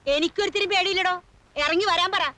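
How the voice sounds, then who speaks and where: A woman's voice: very high voice, a little fast, no room sound. An actress playing a feisty, bossy old grandmother and landlady who scolds freely, in a comedy film scene. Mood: scolding. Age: older. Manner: sharp-tongued, scolding, bossy. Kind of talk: 1980s film comedy acting.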